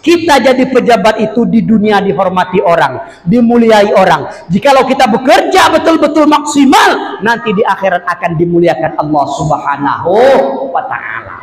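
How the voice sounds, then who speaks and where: A man preaching a humorous village sermon with a South Sumatran Malay accent, shouting and crying out for emphasis between jokes. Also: sits high, animated, moderate pace. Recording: echoey hall, long reverb.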